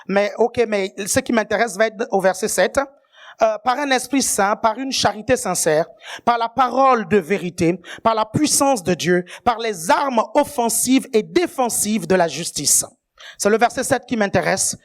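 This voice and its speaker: A woman preaching a sermon with emphasis, often asking the congregation whether they are still following her and rising to shouted high points. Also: animated, moderate pace.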